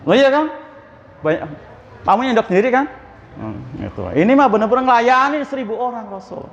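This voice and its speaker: A man delivers a mosque sermon in a high, lively register. He chats with the congregation, throws questions at them and acts out the voices in his story. The recording is a little dull and carries faint background noise. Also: fairly quick, long reverb tail. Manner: chatty, asks the congregation questions, acts out dialogue. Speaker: preacher. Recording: slightly dull, faintly noisy.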